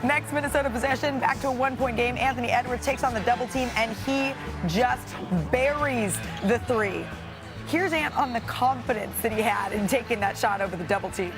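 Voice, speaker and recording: A woman hosting a studio sports show, calling highlights in a brisk, upbeat way. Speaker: studio host. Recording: music bed under the voice.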